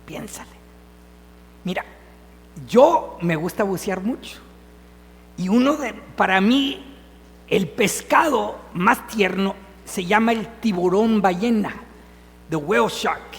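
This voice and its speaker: A man's voice: high-pitched, animated, takes it slowly, gravelly, long pauses. A man giving a Sunday homily as a priest, earnest and putting questions directly to the congregation. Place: church. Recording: long church reverb.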